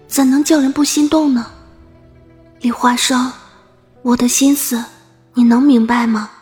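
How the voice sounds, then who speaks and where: A woman playing a wistful, lovestruck young former princess musing softly in an audio drama. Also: high voice. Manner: soft, reflective inner monologue.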